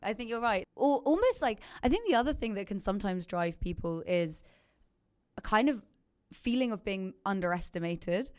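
A woman hosting a podcast interview, talking in a thoughtful, measured way. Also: mid-range voice, lively intonation, darkish tone, clean tone. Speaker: podcast host. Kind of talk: casual interview chat.

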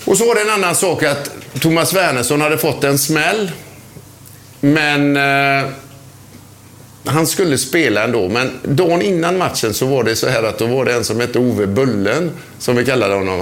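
This is anecdotal storytelling from an older ex-footballer recalling an old match in a chatty way, often breaking into laughter. He has a medium-pitched, fairly bright voice.

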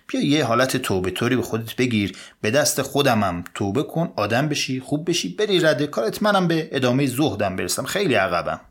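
A man's voice: medium pitch, very animated, hardly any pauses. A man voicing a pompous, self-righteous male preacher in a comic storybook podcast, lecturing in a condescending way.

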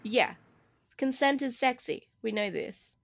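A woman's voice: a little high, expressive, unhurried, creaky. A woman co-hosting a casual tabletop-game podcast, giggly and rambling, with lots of fillers. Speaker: podcast co-host. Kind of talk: casual chat.

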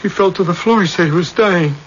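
An actor playing a meek, earnest, bewildered shopkeeper and husband, hesitant and stammering, in an old-time radio drama. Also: male voice, sits high, fast, natural voice. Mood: bewildered, insistent. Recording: muffled, noisy old radio recording.

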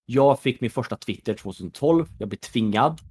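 A man's voice: medium pitch, expressive, a little mellow, husky. A man from Sweden in his thirties, a former pro gamer turned esports executive, talking in a casual podcast conversation with lots of fillers and "you know" asides.

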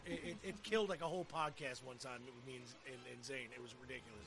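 A fast-talking man with a medium-pitched voice hosts a podcast, chatting casually about games and music. His manner is jokey and self-deprecating.

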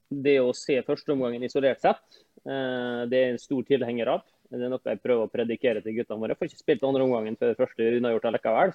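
A male football coach chatting on a podcast, stopping often on filler sounds before giving blunt judgments. His voice comes through a little muffled and lo-fi. The sound is dry, with no room echo. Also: medium pitch. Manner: hesitant, many filler sounds, blunt verdicts. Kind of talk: casual podcast chat.

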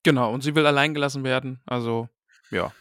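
A man's voice: medium pitch, steady tone, quick pace, fairly bright tone, a little hiss or hum. A man hosting a casual book-discussion podcast, chatty and reading short passages aloud.

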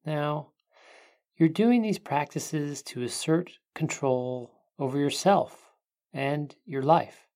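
In the manner of a sleep story reader, a meditation narrator guides the listener softly and quietly. The voice is creaky and medium-pitched, with long pauses throughout.

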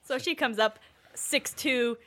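A woman's voice: high voice, slow, sharp tone. A woman narrating as game master in a tabletop game, hesitant and full of fillers.

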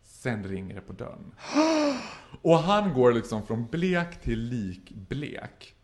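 A man telling a story in casual podcast chat, laughing and acting out the voices of the people in it. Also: medium pitch. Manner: animated, laughing, acts out quoted voices.

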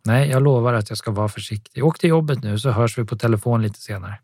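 A weary, short-winded older man, read by a male audiobook narrator, brushing off worry. The voice is husky and breathy, recorded dry and close. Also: mid-range voice, a little mellow, no echo, lightly acted. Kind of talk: audiobook dialogue reading.

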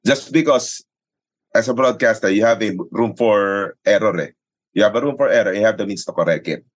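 This man from the Philippines speaks a little fast on the low side, with a Filipino accent. As a sports announcer and radio commentator guesting on a casual podcast, he explains things with emphasis and switches between languages.

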